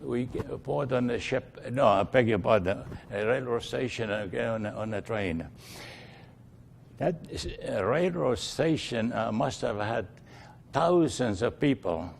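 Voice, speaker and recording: An older man from Estonia, a native Estonian speaker, slowly recalling his family's past in an oral history interview, with many fillers and restarts. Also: medium pitch, animated, creaky, a little hiss or hum.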